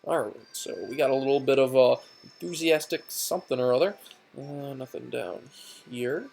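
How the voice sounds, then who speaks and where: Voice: medium pitch, moderate pace, vocal fry, a little mellow, soft background music. A game player giving casual, offhand commentary on a playthrough, mumbling little asides. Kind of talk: let's play commentary.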